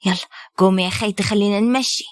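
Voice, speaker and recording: A woman with an Upper Egyptian accent voicing a scheming, sharp-tongued older mother-in-law who scolds and orders people about. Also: mid-range voice, steady tone, very fast, no echo, studio quality, close to an everyday voice. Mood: bossy. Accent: Upper Egyptian Arabic. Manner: scolding, sweet-talking then sharp.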